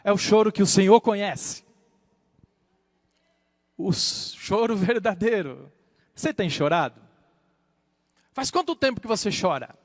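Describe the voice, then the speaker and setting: A male pastor preaching a sermon, moving between hushed low asides and loud rising exclamations. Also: animated, a little slow, pauses often, no echo, big-room sound.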